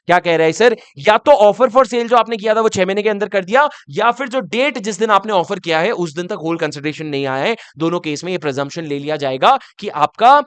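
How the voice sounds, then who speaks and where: Male law tutor, high and crisp, close and dry, questions the class as he teaches. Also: animated, no room sound. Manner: mixes Hindi with English terms, reads the law slowly, asks students questions. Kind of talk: exam revision lecture.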